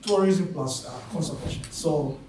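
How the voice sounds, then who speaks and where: A man speaking from the audience at a panel, halting and searching for words with many fillers. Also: fairly high pitch. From Tanzania. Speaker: audience member. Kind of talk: spoken remarks at a panel discussion. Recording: very echoey hall from far off, noisy.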